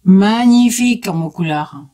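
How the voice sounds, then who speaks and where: A woman vlogger works through a makeup tutorial while chatting casually and directly with her viewers, punctuated by enthusiastic exclamations. She speaks slowly and expressively in a mid-range voice with a dark tone.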